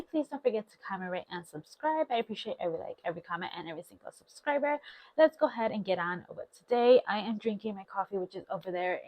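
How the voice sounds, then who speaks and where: The same stay-at-home mom vlogger in her thirties wanders through casual chat with her viewers on a clip-on lapel mic. Here she sounds mid-range and a little mellow, and the recording quality is low.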